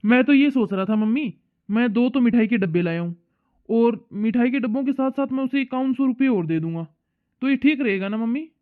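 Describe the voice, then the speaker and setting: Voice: mid-range voice, brisk, smooth, narrow, tinny audio, natural voice. A voice actor playing a young working son in a Hindi cartoon moral story, pleading and arguing back with his mother. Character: young working man, the son, reasonable but stubborn.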